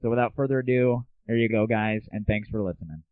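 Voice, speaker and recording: Faint music sits behind a quick-talking American man whose voice is on the low side. Hosting an online gaming news show solo, he comments casually, with plenty of slang, strong opinions and irreverence. The sound is muffled and lo-fi, almost like a phone call.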